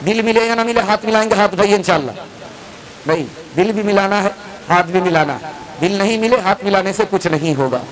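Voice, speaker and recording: A man's voice: high-pitched, low-quality recording. A man preaching a sermon at a mosque gathering, fervent and repetitive, calling the crowd to raise hands. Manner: fervent, repeats lines, sings verses slowly.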